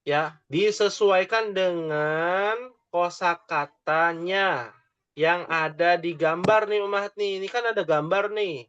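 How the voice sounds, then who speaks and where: A man teaching an online language class, slowly and patiently modelling phrases for his students to repeat. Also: sits high, a bit bright, clear, resonant tone. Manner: slow, patient, drawn-out modelling of Arabic phrases. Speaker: Arabic teacher. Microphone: online call microphone. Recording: dull lo-fi online audio.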